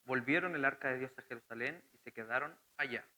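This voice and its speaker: A young Chilean man preaches a sermon with a very bright, forward voice. He talks earnestly and plainly, often asking the congregation questions. His pitch sits in a middle range for a man. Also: fairly quick, rough recording. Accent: Chilean Spanish.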